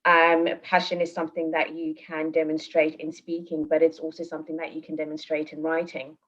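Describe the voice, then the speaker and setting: A woman recruiter on an online careers panel, giving measured advice with frequent ums. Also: low voice, completely flat delivery, fairly bright tone, lo-fi sound. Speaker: panellist, recruiter who reads applications. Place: home, video call.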